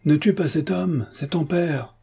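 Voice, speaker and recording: Old concierge, firm and loyal, pleading, read by a man; higher than the narration, dark mellow timbre. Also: a little slow, vocal fry, husky, heavily acted. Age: older.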